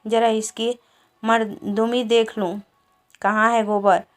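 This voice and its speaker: A woman voicing a fierce, proud peasant wife in a village quarrel, speaking in a sharp, scolding way. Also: a little high, flat delivery, slow pace. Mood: wailing defiance.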